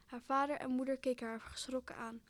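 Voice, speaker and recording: A woman's voice: sits high, level tone, brisk, fairly bright tone, no echo. A young woman reading a homemade children's story aloud, with plain, earnest expression.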